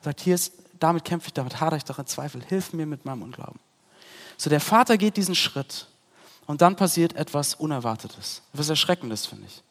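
A man's voice: lively intonation, fairly quick, fairly bright tone. Earnest male preacher in a reverberant hall. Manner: earnest, rises on quoted prayers, drops low at ends. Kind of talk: sermon.

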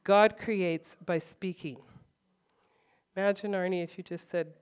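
A woman leads a casual Bible teaching at home, her voice smooth and clear. She speaks conversationally, full of fillers, and hits her points firmly. The recording is dull and lo-fi. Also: lowish voice, steady tone, measured pace. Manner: conversational, emphatic, many fillers.

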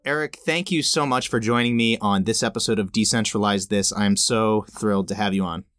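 A man hosting a podcast, reading a polished intro and then chatting with his guest in a friendly, measured way. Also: fairly low pitch, a bit bright, faint music behind. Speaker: podcast host. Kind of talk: scripted intro, then interview chat.

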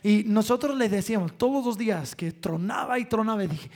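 A man's voice: high voice, a little fast, a little mellow. A man preaching a sermon through family stories, emphatic, repeating phrases and chuckling between points.

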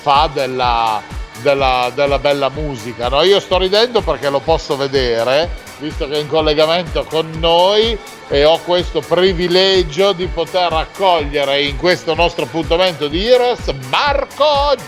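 A man hosting a radio show in casual, teasing chat, talking in halting phrases and adding little tag questions. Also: on the high side, faint music behind.

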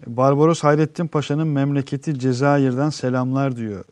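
Dark-voiced man, earnest co-host. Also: medium pitch, steady tone, no room sound. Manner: earnest, explanatory, trails off with drawn-out fillers. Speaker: co-host reading viewer comments. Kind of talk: casual live-stream chat.

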